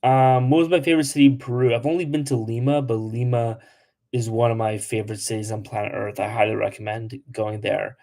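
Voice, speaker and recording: Here a young Polish man runs a casual travel livestream, his medium-pitched voice gravelly, darkish, fairly quick and flat in delivery. He chats through the comments, saying "like" a lot and giving trolls blunt replies.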